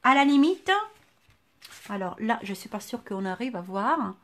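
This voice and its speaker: A woman's voice: a little high, lively intonation, a little slow, fairly bright tone. A woman with a southern French accent hosting a live craft tutorial, chatting and greeting viewers by name as she works. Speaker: scrapbooking tutorial host.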